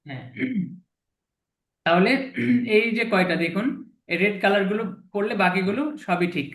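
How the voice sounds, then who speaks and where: A man's voice: sits high, normal speed, a bit bright, echoey room. A man teaching English letter sounds in an online lesson, patiently repeating each sound for his student. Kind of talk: online alphabet pronunciation lesson.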